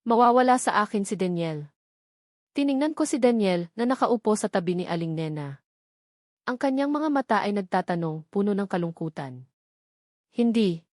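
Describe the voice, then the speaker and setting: A woman's voice: medium pitch, lively intonation, moderate pace, darkish tone, no room sound, clean studio sound. A woman with a Filipino accent reading a dramatic first-person story as a narrator.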